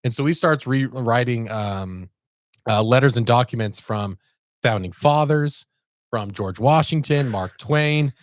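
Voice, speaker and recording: A man's voice: mid-range voice, measured pace, dry recording. A man co-hosting a podcast, casually retelling a story in a rambling, laid-back way with lots of fillers. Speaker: podcast co-host.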